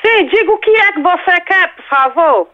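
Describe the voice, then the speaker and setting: A woman's voice: extremely high pitch, animated, normal speed, no room sound, lo-fi sound. A woman, heard over the phone as the target of a prank call, talking bluntly and suspiciously. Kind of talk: phone conversation.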